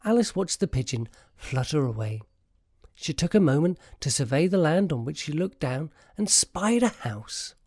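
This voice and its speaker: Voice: medium pitch, very animated, moderate pace, a little mellow, dry recording, clean studio sound. A narrator reading a scripted story in an audio adaptation.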